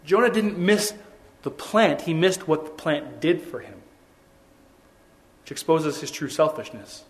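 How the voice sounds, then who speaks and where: A young man preaching a sermon in a conversational, earnest way, with quick asides and restarts. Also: on the high side, lively intonation. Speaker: pastor.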